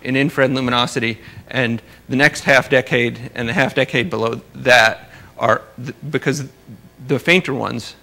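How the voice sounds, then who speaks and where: With a sharp, creaky voice at a middling pitch and a crisp edge, a male astronomer lectures informally on his research. He carefully qualifies what he says and tosses in wry, dry remarks along the way.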